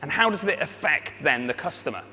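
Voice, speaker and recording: A man's voice: fairly high pitch, expressive, a little fast, pushed and bright. A man with a North Wales accent giving a live business presentation as a company founder, addressing the audience directly. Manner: rhetorical questions and wry asides to the audience. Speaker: company chief executive and co-founder giving a pitch. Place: indoor hall at a demo day event. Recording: echoey hall, noisy live event.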